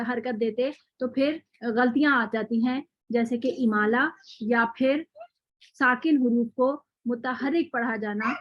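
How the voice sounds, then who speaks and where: A woman teaching a tajweed lecture, explaining patiently, repeating example words slowly, with frequent fillers and self-corrections. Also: a little high, no room sound, lo-fi sound. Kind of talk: online lecture with recap.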